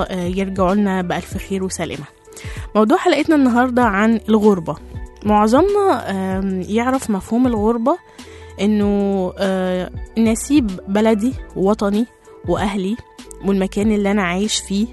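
A woman with an Egyptian Arabic accent hosting a radio show, slightly hoarse after a cold, chatting casually with many fillers. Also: mid-range voice. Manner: chatty, warm greetings to listeners, many fillers. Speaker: radio host.

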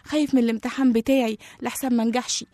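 Lady doing a jittery little egyptian boy, high and pleading, quick, mellow tone, faint music behind. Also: level tone, no room sound, natural voice. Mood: worried. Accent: Egyptian Arabic. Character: anxious young boy, easily scared.

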